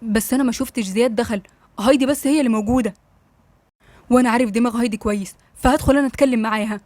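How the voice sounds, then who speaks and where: A woman's voice: a little high, rapid-fire, darkish tone, no echo, natural voice. A woman voicing a careless, offhand younger brother. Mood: worried. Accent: Egyptian Arabic.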